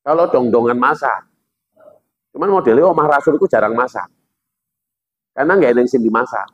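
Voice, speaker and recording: A man's voice: medium pitch, brisk, breathy edge. A man preaching a humorous sermon at a mosque gathering, telling stories and acting out characters. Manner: joking, animated, acts out characters. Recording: dull lo-fi sound.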